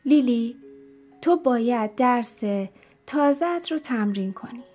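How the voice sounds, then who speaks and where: A woman reads a worn-out mother from a storybook, firm and coaxing by turns. The voice sits fairly high and close to the reader's own. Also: expressive, a little mellow, soft background music.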